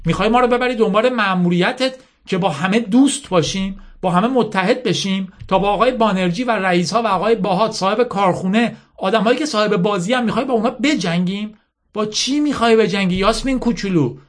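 A man's voice: sits high, pitched above the performer's own voice, natural voice. A man voicing a bitter, scornful teenage girl who leads an army, lecturing with hammering rhetorical questions.

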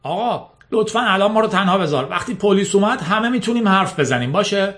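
A man voicing an angry middle-aged father who shouts at another driver after a car crash, in a storybook reading. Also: a little high, animated, pitched above the performer's own voice. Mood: strained, tense. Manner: commanding, furious.

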